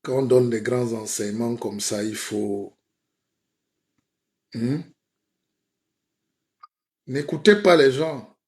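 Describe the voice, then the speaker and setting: A man's voice: mid-range voice, takes it slowly, long pauses. A man playing a comic spiritual guide in a mock sermon on a live stream, playful and rhetorical, often asking his listeners "hein?". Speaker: comedic self-styled spiritual guide.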